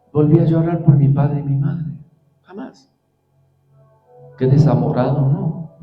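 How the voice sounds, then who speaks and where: Older male preacher, very dark tone, scripture reading and personal reflection, roomy echo. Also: medium pitch. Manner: reads scripture then reflects personally, with frequent rhetorical "¿no?". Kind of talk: sermon.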